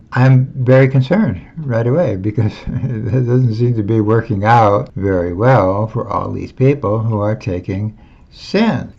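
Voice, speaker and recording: A man's voice: mid-range voice, vocal fry, darkish tone. An older man recounting his own recollections in an emphatic, repetitive way, with wry chuckles. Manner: emphatic, repeats points, chuckles wryly. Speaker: former disciple recounting movement history. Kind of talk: personal monologue of recollections. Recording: dull lo-fi recording.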